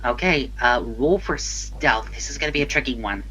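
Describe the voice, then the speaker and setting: A man narrates a tabletop game as game master in a bright, forceful voice. He is casual and halting, with a giggly streak. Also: medium pitch, animated, a little hiss or hum.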